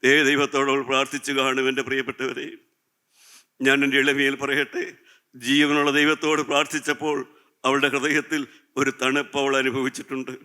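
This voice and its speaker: A man's voice: mid-range voice, little pitch movement, fairly quick, bright, forceful tone. A man preaching a sermon fervently, repeating his phrases and putting questions to the listeners he calls children of God.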